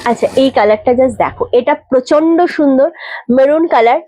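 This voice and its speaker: A young woman with a Kolkata Bengali accent, chatting through a live-stream sales pitch, urging viewers to book quickly. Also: dark tone, no room sound. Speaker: saree seller on a live stream. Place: boutique shop.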